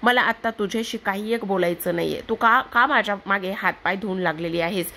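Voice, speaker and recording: A woman's voice: mid-range voice, a little fast, pushed and bright, a little hiss or hum. A woman reading out the lines of a defiant, hot-tempered young college man who snaps defensively, in a TV serial recap. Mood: angry. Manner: snapping, defensive.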